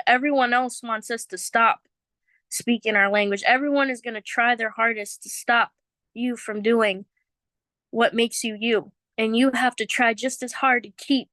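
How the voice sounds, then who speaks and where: High-voiced, earnest woman, native Chamorro speaker. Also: fairly bright tone, dry recording. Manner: emotional, earnest, informal. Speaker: language learner sharing personal experience. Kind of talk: heartfelt personal testimony in casual talk.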